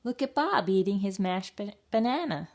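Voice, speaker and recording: A woman voicing a patient, weary mother in a children's storybook, calmly and gently scolding. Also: mid-range voice, normal speed, voice pushed up, lightly acted.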